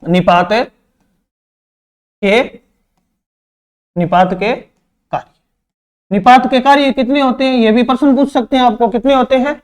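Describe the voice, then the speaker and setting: A man's voice: very high voice, measured pace, pauses often. A man teaches grammar for an exam. He repeats each phrase, poses questions and answers them himself, and calls his students "beta". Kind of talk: exam-prep grammar lesson.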